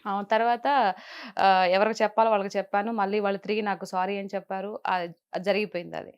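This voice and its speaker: A woman's voice: medium pitch, fairly even intonation, fast, clear, resonant tone, highs cut off. A woman from Nellore with a Nellore Telugu accent, answering interview questions in a blunt, defiant, plain-spoken way. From Nellore, Andhra Pradesh. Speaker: interviewee, political commentator.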